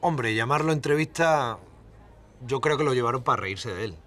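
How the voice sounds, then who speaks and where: With a medium-pitched, natural and slightly bright voice, a man speaks animatedly at normal speed. He's an actor portraying a TV cameraman from Cáceres in Extremadura, blunt, resentful but kindly, who recalls events hesitantly and in colloquial speech for a mock documentary interview.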